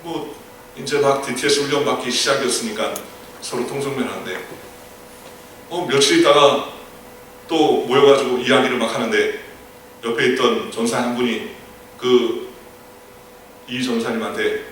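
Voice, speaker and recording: Bright-voiced male pastor in echoey hall. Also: medium pitch, moderate pace, long pauses, a little hiss or hum. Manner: storytelling, earnest and explanatory. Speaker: senior pastor. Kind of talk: sermon. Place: church sanctuary. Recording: echoey hall, voice from a distant mic.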